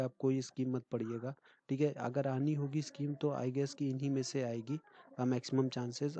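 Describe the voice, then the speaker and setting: Flat-voiced male tutor, dull lo-fi sound. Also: mid-range voice. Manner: chatty, frequent fillers and "theek hai" check-ins. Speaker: exam coaching tutor. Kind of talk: casual explanatory lecture.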